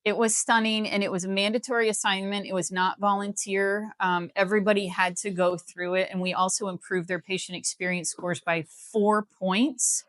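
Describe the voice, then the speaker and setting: An American woman from Missouri, a healthcare company CEO, speaks as a guest in a live interview, explaining things emphatically and persuasively. Her mid-range voice is a bit bright, with fairly even intonation, normal speed, few pauses, and no echo.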